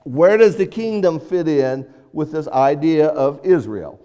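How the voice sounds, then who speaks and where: A man's voice: fairly high pitch, lively intonation, measured pace, dark tone, clean tone. A man preaching a sermon lesson to his congregation in a conversational way, often repeating and restarting phrases. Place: church auditorium. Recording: hall reverb.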